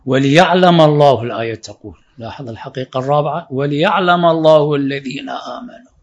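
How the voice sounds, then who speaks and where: A man's voice: on the high side, fast talker. A man giving a religious lecture, explaining verses point by point and rising for emphasis. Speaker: preacher. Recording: dull lo-fi recording.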